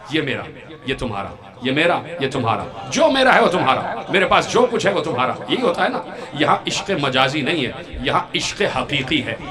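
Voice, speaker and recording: Pakistani urdu preacher man, higher voice, repeats his lines big, crowd noise all round. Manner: emphatic, repetitive, calls out to the audience. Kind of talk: religious sermon to a crowd. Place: outdoor gathering with a crowd. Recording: crowd noise behind a public-address voice.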